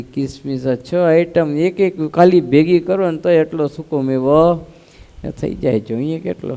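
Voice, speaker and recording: Swami telling a devotional story. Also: male voice, a little high, mellow, clean tone. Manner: storytelling with rhetorical questions and acted dialogue. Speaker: swami giving a scripture discourse.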